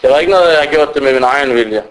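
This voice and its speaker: A male preacher with a mid-range voice delivers a sermon through animated storytelling, acting out the people he quotes. The recording quality is low.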